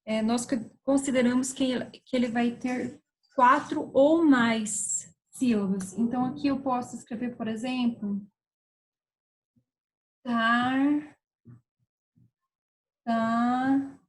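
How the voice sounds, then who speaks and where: A woman's voice: on the high side, fairly even intonation, a little mellow, low-quality recording. A woman teacher, patiently explaining a grammar lesson and checking in with her students as she goes. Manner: patient, spelling words out slowly with frequent "tá?" and "certo?" checks.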